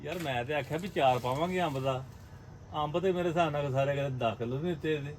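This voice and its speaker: A man's voice: a little high, quick pace, distant mic, a little hiss or hum, close to an everyday voice. An actor with a Punjabi accent playing an easygoing husband who humors his bossy wife. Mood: casual. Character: mild, teasing husband of the elder sister.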